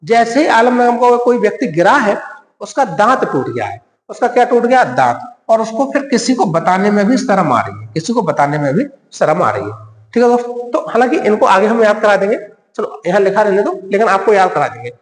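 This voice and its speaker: A man's voice: high-pitched, very animated, brisk. A man teaching an exam-prep lesson with memory tricks. He repeats each point, quizzes his listeners, answers himself and keeps calling them friend. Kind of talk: mnemonic-based classroom lecture. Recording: echoey room with long reverb.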